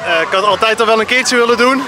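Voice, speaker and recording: A man's voice: sits high, fast. A man giving a casual on-the-spot interview outdoors. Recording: crowd and noise outdoors.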